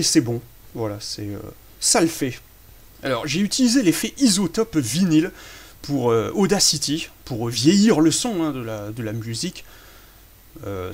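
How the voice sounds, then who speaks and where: A man's voice: a little high, slightly rough. Chatty man commenting on his film. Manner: chatty and self-amused, lots of hesitations. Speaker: fan-film maker commenting on his own film. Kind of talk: casual behind-the-scenes commentary.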